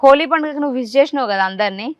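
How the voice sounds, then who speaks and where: A woman interviewing a child in a casual chat, coaxing answers out of them with quick questions. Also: high-pitched, animated, no room sound. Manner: coaxing, rapid-fire questions. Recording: dull lo-fi dry sound.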